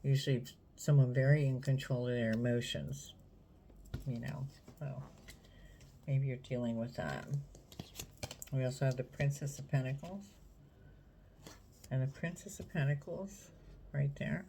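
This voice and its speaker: A woman reading tarot cards in a casual, unhurried way, musing aloud and talking straight to the viewer. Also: extremely low pitch, mellow, slight background noise. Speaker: tarot reader.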